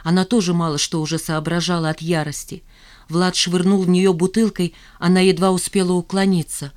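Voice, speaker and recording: Lower-voiced woman narrator, steady and expressive; audiobook. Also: brisk. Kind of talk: scripted narration.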